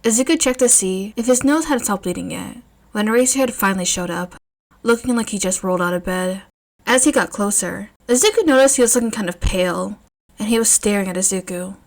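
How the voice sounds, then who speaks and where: A woman narrating a fanfiction story in an expressive, measured reading. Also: medium pitch.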